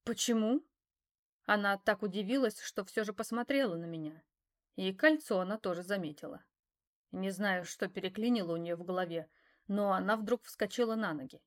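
A woman reading a first-person novel aloud as an audiobook, in steady, even storytelling. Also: medium pitch, a little fast. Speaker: audiobook reader.

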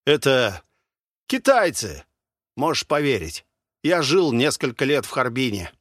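A man's voice: medium pitch, sing-song, a little slow, a bit bright, no room sound, studio quality. A man voicing a lazy, smug red-haired young male soldier.

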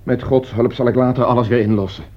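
A grave, weary middle-aged doctor, played by a man, weighs every word in a mid-pitched voice. The radio play recording sounds dull and lo-fi. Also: steady tone, fast, lightly acted. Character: worried middle-aged male doctor, head of family. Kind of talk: radio drama acting.

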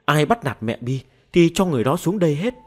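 A man voicing a sulky, clingy little ghost girl in a high, tearful childish voice. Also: very animated, a little fast, a little mellow, faint music behind.

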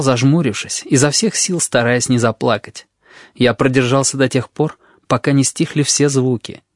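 A male audiobook narrator reads a first-person novel in a measured, quiet way. His voice sits at a medium pitch. The recording is very dry and close, with no room echo.

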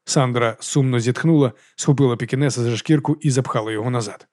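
A man reading a novel aloud as an audiobook narrator, in brisk, even storytelling. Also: mid-range voice, no echo, clean studio sound.

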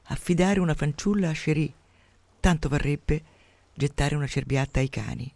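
A man reads and recounts a novel on the radio with lively, conversational expression. His voice is a touch higher than most men's. The sound is close and completely dry. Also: moderate pace, creaky, dry recording. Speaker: radio host reading and discussing a novel. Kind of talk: literary reading and commentary on radio.

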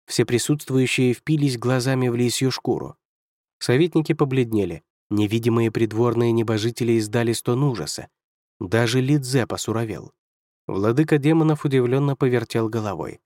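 A man reads fantasy prose as an audiobook narrator, with lively, expressive delivery. His voice sits in an ordinary middle male range. The recording is close and dry. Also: medium pitch, normal speed, no room sound. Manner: expressive storytelling.

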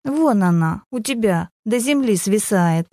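A woman voicing a sharp-tongued, mocking female friend with a raised, cutting delivery. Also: animated, a little slow, no echo, studio quality. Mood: scornful. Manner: scornful, cutting, raised pitch.

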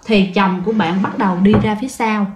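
A woman's voice: medium pitch, fairly even intonation, fairly quick, darkish tone, echoey room, a little hiss or hum. A woman narrating a ghost story in a vivid manner, talking directly to her listeners.

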